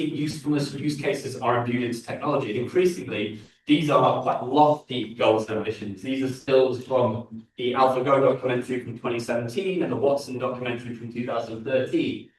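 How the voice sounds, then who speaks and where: A man with a London accent lectures at a design conference, earnest, restarting phrases and filling pauses as he thinks aloud. His voice sits in the middle range and is picked up from some distance, so it sounds thin against the room. A heavy, ringing echo from the large hall surrounds every word. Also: mid-range voice. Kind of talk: conference talk. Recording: very echoey hall from far off.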